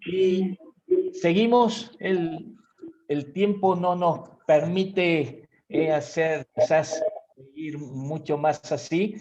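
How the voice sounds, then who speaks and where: A man introducing speakers at a church missionary conference, halting with frequent tag questions. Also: a little high, a little mellow, dull audio. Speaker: pastor.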